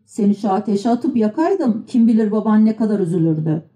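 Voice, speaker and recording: A big, stern puppet-theatre owner barking in a gruff, scolding way, as a woman narrator plays him. The tone is dark and mellow, with pitch that rises and falls widely. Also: animated, brisk, dull audio, lightly acted.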